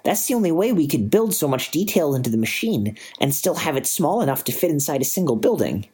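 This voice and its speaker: A fussy, eager physicist with a raised, bright voice, as a man narrating puts him on. He explains in a rush and stumbles a little when he reassures. The pitch sits well above the narrator's low register. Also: very animated, a little fast, husky. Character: fussy, eager middle-aged male physicist.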